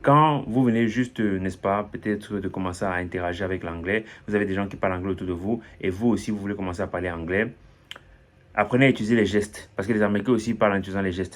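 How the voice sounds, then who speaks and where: A man giving a casual pronunciation lesson, chatty, repeating example phrases and asking for agreement. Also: on the low side. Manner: chatty, repeats example phrases, says "n'est-ce pas" often. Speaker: English pronunciation teacher.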